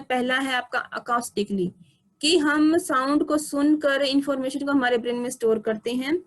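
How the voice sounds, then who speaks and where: High-voiced woman teaching slowly. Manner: slow, deliberate explaining with lists of examples. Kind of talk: explanatory lecture.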